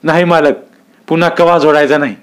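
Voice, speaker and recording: A man's voice: fairly high pitch, fairly even intonation, fairly quick, lightly acted. A male storyteller voicing a terrified village oil-presser who stammers and pleads for mercy. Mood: pleading. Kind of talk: dramatic storytelling.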